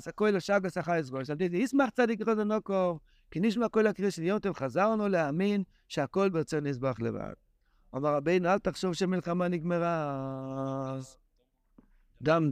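A man's voice: sits high, clear, resonant tone, no room sound, studio quality. A man teaching a daily religious text lesson in an impassioned way, with exclamatory sighs. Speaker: Torah teacher.

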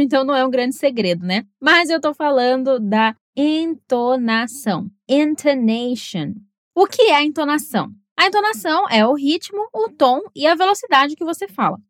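Woman English teacher, high voice, lively encouraging tone, dry close recording. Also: no room sound. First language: Portuguese. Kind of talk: scripted lesson narration.

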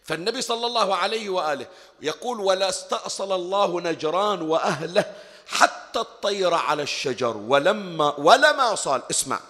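A man preaches a sermon, his voice pitched high and rising and falling with wide animation. He moves from loud emphatic declaiming to quiet asides. A long reverb from a large hall trails his words. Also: expressive, brisk. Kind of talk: religious sermon.

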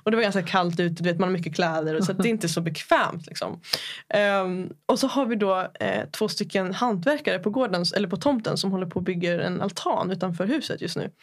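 A woman podcast host chatting casually, telling a rambling anecdote with many fillers. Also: mid-range voice.

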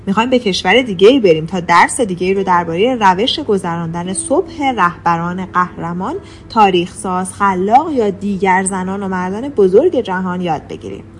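A woman's voice: mid-range voice, close to an everyday voice. A woman voicing a wealthy, friendly male mentor in an audiobook, speaking in a friendly, lecturing tone. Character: wealthy, friendly older male mentor who flies a helicopter. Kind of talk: audiobook character reading.

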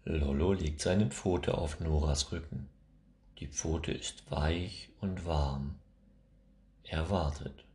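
A man reading a children's story aloud, expressive and measured. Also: a bass voice. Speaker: narrator.

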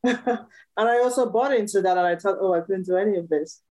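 A woman's voice: mid-range voice, quick pace, dark tone, rough recording. A woman from Cameroon, a musician guest in a casual interview, talking cheerfully and laughing often.

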